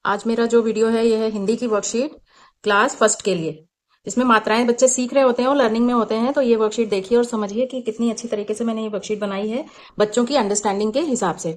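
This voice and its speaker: A woman hosting her own channel, explaining a children's worksheet slowly and patiently as a teacher, mixing in English words. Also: a little high, steady tone.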